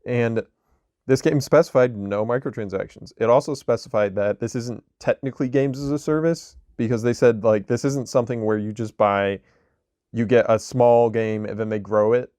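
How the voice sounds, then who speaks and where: A man's voice: medium pitch, fairly even intonation, normal speed, darkish tone, dry recording. Rambling male co-host, mid-range voice, dry close mic, casual games talk. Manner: rambling, lots of likes and restarts. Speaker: podcast co-host. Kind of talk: casual gaming chat.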